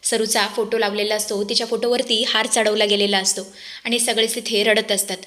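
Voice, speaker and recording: A woman narrating a Marathi television serial recap in a dramatic, animated storytelling manner. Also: medium pitch, brisk.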